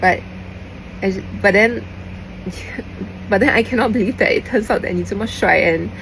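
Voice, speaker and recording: A young woman with a Singaporean accent talks in a creaky voice, as in a heartfelt, rambling voice message. She leans on repeated phrases and Singlish particles and drops into Mandarin at times. Clear background noise sits behind her. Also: moderate pace, a bit bright. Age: young adult. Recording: noisy, vehicle-like background rumble.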